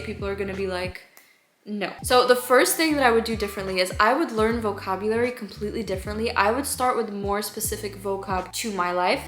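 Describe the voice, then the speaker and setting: A young woman vlogging casually to camera about learning languages, chatty and animated, full of "like" fillers. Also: fairly high pitch. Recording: echoey room.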